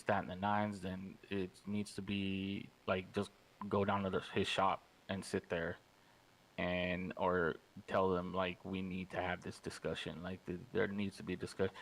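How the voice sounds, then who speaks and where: A man's voice: low-pitched, little pitch movement, moderate pace, fairly bright tone, poor audio. A man speaking in character at a roleplay gang meeting, rambling and repeating himself.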